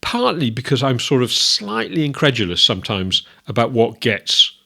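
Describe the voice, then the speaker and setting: A man's voice: medium pitch, normal speed. A man co-hosting a podcast, talking casually and thoughtfully about art, recorded at a dining room table at home. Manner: thoughtful, expressive, a few restarts. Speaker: podcast co-host. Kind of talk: casual chat.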